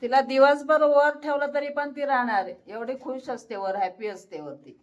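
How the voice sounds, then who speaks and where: A woman's voice: high-pitched, normal speed, muffled recording. A woman, chatting to viewers and coaxing her cat at home, laughing often. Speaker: pet vlogger. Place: home, at a door to the terrace.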